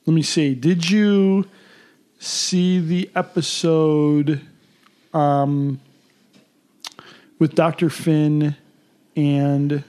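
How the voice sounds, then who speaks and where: A man, talking in a loose, rambling way as a podcast co-host. His voice sits a little on the high side for a man, and he fills gaps with ums and uhs. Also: drawn-out words, pauses often. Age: 50s. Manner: relaxed, rambling with fillers. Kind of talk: casual chat.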